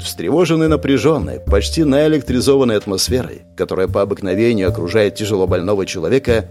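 A man narrating a novel in a dramatic, expressive reading style. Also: medium pitch. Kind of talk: audiobook narration.

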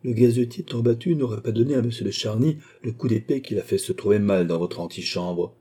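A man's voice: fairly low pitch, a little fast, warm tone, breathy edge. A man reading an audiobook, voicing a suave male police chief who speaks with polite, smug deference.

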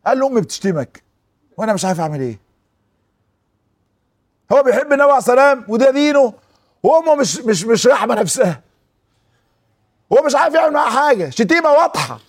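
A man speaking with an Egyptian Arabic accent, giving a religious lesson to an audience and acting out quoted speech as he tells stories. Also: very high voice. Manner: animated storyteller who acts out quoted speech. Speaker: preacher.

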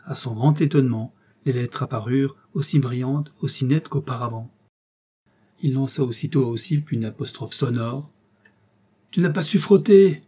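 A male audiobook narrator reads a novel in a measured, even storytelling style. His voice is dark and mellow, with a husky, slightly breathy edge. His pitch sits in an ordinary middle range. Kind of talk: scripted literary narration.

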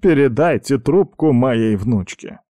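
A man voicing a stern, doting old grandfather who heads a clan, speaking slowly, heavily and commandingly. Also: medium pitch, lively intonation, warm tone, no echo, voice pushed up. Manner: slow, heavy and commanding.

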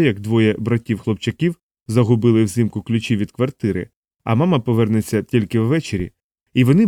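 A man reading a novel aloud in steady scripted narration. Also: mid-range voice, no echo, studio quality. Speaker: audiobook narrator.

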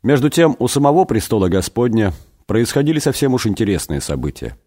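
A man reading a satirical story aloud as an audiobook, wry and expressive. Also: mid-range voice, a little fast. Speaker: reader. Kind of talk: audiobook narration.

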